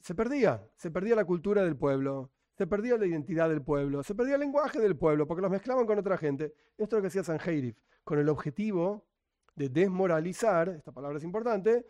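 This middle-aged Argentine man from Buenos Aires talks fast in a high-pitched, animated voice with a darkish tone and a Rioplatense Spanish accent. Teaching Torah informally, he fires off rhetorical questions and sarcastic asides. The recording has its highs cut off.

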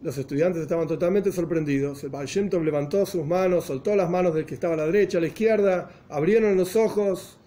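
Male teacher, storytelling lesson, high-ish mellow voice, glosses Hebrew and Yiddish terms in Spanish. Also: a little fast, hardly any pauses. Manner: chants quoted prayers with rising pleading intensity. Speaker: religious teacher.

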